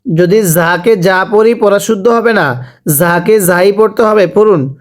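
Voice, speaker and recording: A man teaching Arabic letters, calling each one out slowly and having the learners repeat after him. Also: high voice. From Bangladesh. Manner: slow drawn-out letter calls, repeated prompts. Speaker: Quran reading teacher. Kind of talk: letter-by-letter recitation lesson.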